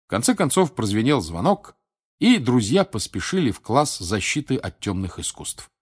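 A man narrating an audiobook in a calm, measured reading voice. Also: medium pitch, breathy edge. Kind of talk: scripted narration.

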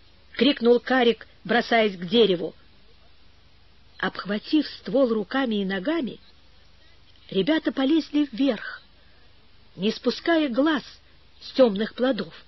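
A woman narrating an adventure story as an audiobook, in a measured storytelling manner. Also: a little high, slightly rough, no echo, lo-fi sound. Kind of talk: audiobook reading.

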